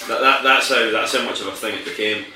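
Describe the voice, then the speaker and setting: A man's voice: lowish voice, brisk, pushed and bright, a little hiss or hum. A young man chatting casually and at length about games he played, with a rambling, swearing manner. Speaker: podcast co-host playing games. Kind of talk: casual banter while gaming. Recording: echoey room from far off, music behind.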